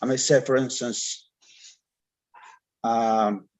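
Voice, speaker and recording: A man from Algeria with a North African, Algerian accent and Arabic as his first language, giving an explanatory academic answer in a halting way. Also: medium pitch, steady tone, a little mellow. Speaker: conference panelist.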